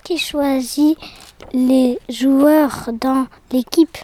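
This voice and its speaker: A woman asks an interviewer's questions in a high voice. She speaks slowly and deliberately, one careful question at a time. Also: steady tone, warm tone, slight background noise.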